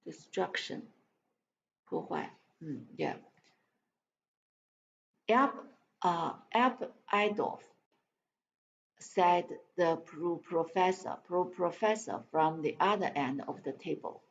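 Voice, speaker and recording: A woman's voice: lowish voice, lively intonation, slow pace, pauses often. A woman practising English aloud, stumbling over words and repeating them as she sounds them out, with spoken translations. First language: Chinese. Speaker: English learner reading aloud. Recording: dull lo-fi live-stream audio with faint noise.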